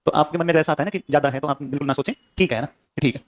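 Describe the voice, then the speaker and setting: Rapid-fire man teaching a class. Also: a little high, fairly even intonation, no room sound. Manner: quizzes students with rapid questions. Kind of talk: classroom lecture.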